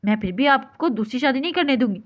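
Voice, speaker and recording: A woman's voice: high voice, lively intonation, quick pace, voice pushed up. A woman voicing a naive, tearful young bride who talks in a childlike, pleading and stubborn way. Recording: dull lo-fi recording.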